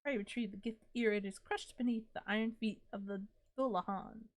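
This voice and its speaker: A woman's voice: mid-range voice, fairly even intonation, brisk, no echo, close to an everyday voice. A woman reading aloud the lines of a mysterious disembodied voice from a game, in ornate, old-fashioned, theatrical phrasing. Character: grandiose mysterious disembodied voice, courtly.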